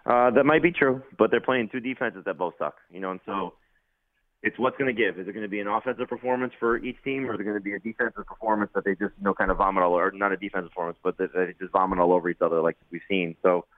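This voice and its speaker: Fast-talking low-voiced man on a phone-like line. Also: steady tone, no echo. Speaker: fantasy football analyst, regular radio guest. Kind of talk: casual sports analysis. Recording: phone-like narrow-band line.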